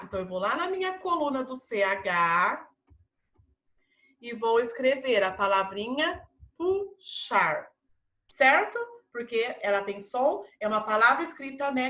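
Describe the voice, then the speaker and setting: A woman teaching a primary school lesson in a Brazilian Portuguese accent, patiently drawing out each example word slowly. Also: high voice, sharp tone, reverberant. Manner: slow, drawn-out pronunciation of example words; patient and encouraging. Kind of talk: recorded classroom lesson.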